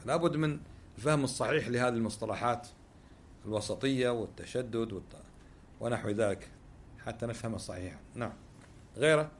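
A man's voice: mid-range voice, a little fast, long pauses, a little hiss or hum. A man teaching a religious lesson, posing rhetorical questions and answering them himself. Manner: Gulf Arabic dialect. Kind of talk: sermon-style lesson with questions.

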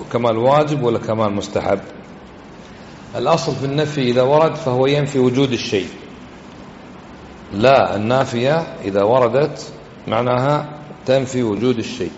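A man giving a religious lesson, explaining grammar and quizzing his listeners with repeated questions. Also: medium pitch. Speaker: religious teacher. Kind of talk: classroom lesson on hadith and grammar. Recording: echoey hall, dull lo-fi, faint hiss.

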